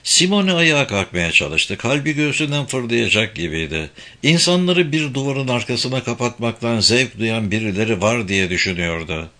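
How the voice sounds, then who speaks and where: A man reading a novel aloud in a measured, even storytelling manner. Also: mid-range voice. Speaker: narrator. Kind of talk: audiobook narration.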